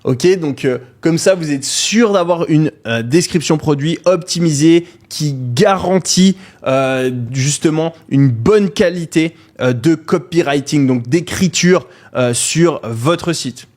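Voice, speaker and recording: A man's voice: on the high side, slow. A man hosting a live online course, talking energetically to viewers in the chat, with frequent hesitations. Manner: excited, calls out to viewers; many fillers and hesitations. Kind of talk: energetic live webinar pitch.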